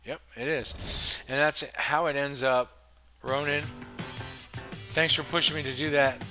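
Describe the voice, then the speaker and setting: A man's voice: mid-range voice, fairly even intonation, measured pace, pushed and bright, faint music behind. A man casually commenting on a basketball video game, laughing often and rattling off player stats. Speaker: gaming channel host.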